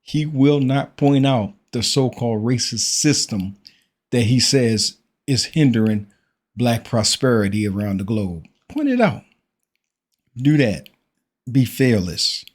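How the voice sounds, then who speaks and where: A man with a husky, slightly rough voice who hosts a reaction commentary. He criticizes what he hears in a preachy tone and keeps pressing with rhetorical questions. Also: mid-range voice, animated, slow.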